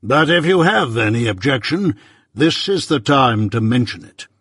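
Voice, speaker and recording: A man playing a stern, imperious middle-aged London lawyer who speaks slowly and with command. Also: medium pitch, animated, fairly bright tone, breathy edge, dry recording, clean studio sound. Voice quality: slow, measured, commanding.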